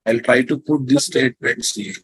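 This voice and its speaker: Here the Indian-accented instructor sounds husky and mid-range, keeping a steady tone at a moderate pace. He lectures on programming online, ribs his audience bluntly, repeats himself, and tests understanding with questions.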